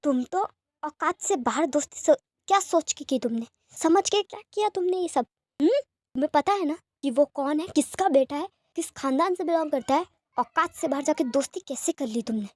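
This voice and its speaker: A woman's voice: high-pitched, expressive, moderate pace, no echo, clean studio sound, voice pushed up. A woman voicing a stern, angry father harshly scolding his son in an audio story. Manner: harsh, scolding, shouting questions.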